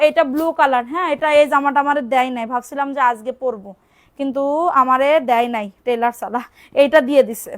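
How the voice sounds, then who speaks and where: A woman selling clothes on a live stream, repeating prices and urging viewers to order quickly, and sometimes scolding commenters. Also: high-pitched. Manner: brisk, repetitive, urging buyers to order fast. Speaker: online clothing seller. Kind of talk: live-stream sales pitch.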